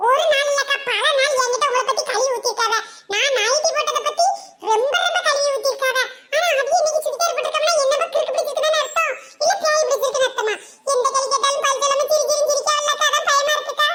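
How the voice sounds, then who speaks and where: A performer doing a shrill, excitable cartoon village woman. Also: fast. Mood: excited gossip. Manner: dramatic, wailing, giggly. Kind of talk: cartoon comedy voice acting. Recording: loud background noise.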